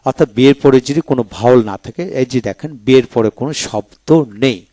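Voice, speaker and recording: A man's voice: mid-range voice, moderate pace, mellow, no room sound. A man teaching English pronunciation in a video lecture, spelling out each word letter by letter and then repeating it.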